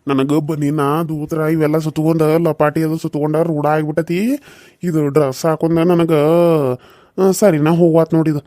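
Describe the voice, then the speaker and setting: A man's voice: fairly high pitch, level tone, moderate pace, mellow, no echo, clean studio sound, natural voice. A man voicing a teasing, coaxing middle-aged man in a cartoon serial, with a North Karnataka accent. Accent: North Karnataka Kannada.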